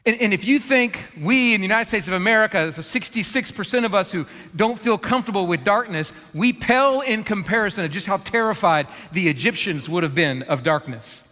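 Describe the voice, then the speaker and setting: Bright-voiced pastor telling a story. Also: male voice, sits high, a little fast, hardly any pauses. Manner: animated, self-deprecating storyteller with frequent restarts. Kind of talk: storytelling sermon. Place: large church auditorium. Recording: long reverb of a large church hall.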